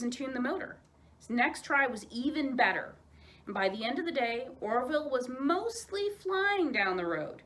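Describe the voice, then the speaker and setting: A library storyteller, a woman, reads children's stories aloud with expressive delivery, dramatic emphasis, and pauses. Her voice sits on the high side.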